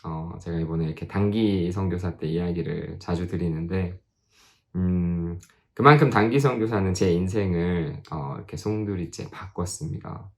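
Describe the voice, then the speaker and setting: A man's voice: deep voice, normal speed, a little mellow. A middle-aged man preaching to teenagers at a youth camp, telling a personal story and acting out the quoted dialogue with rising emphasis. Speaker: missionary speaker at youth camp.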